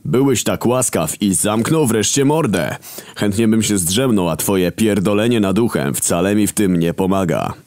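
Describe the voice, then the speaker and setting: A man's voice: fairly low pitch, expressive, normal speed, a little mellow, voice pushed up, close to an everyday voice. A man voicing War, a sleepy, irritable male horseman with a sarcastic, annoyed manner. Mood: irritated.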